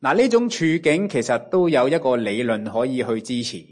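A man with a Cantonese accent preaching a sermon in short phrases, pausing for an interpreter and often opening with a drawn-out interjection. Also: mid-range voice, very animated, a little mellow.

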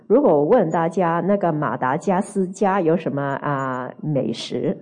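A woman's voice: deep voice, lively intonation, unhurried, darkish tone. A woman interpreting a sermon phrase by phrase, hesitating with small fillers while she finds the words. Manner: hesitant, fills gaps with "ah" and "er" while translating.

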